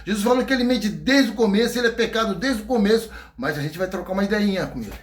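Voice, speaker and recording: A man's voice: high-pitched, animated, quick pace. A man with a Brazilian accent preaching an informal sermon in a folksy, joking way, acting out scenes. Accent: Brazilian Portuguese. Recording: echoey room.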